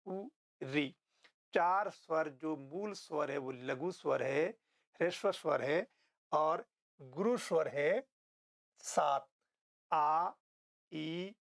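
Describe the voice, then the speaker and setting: A man teaching a Hindi class as a lecture, who often tells students to pay attention and answers his own questions. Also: fairly high pitch. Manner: repeats "ध्यान देना", asks and answers his own questions.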